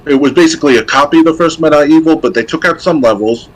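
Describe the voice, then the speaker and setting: A man hosting a gaming podcast, chatting casually and nostalgically, then reading game news in a steady voice. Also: on the high side, fast talker, rough recording. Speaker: podcast host.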